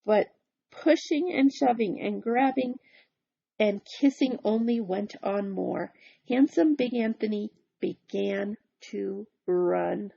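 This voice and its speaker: A woman's voice: mid-range voice, slow pace, vocal fry, warm tone, slightly rough, dull audio. A woman reading a picture book aloud in a playful way, with chatty asides to the listener. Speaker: storyteller.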